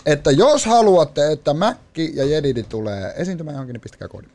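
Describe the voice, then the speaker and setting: A man's voice: on the high side, expressive, darkish tone, no echo. A man co-hosting a casual podcast, a performing artist, talking playfully.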